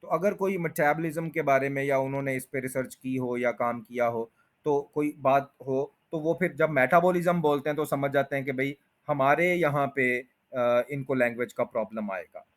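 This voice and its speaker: A man teaching English pronunciation, patiently explaining and slowly repeating each word with drawn-out stressed syllables. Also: medium pitch. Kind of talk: spoken lesson.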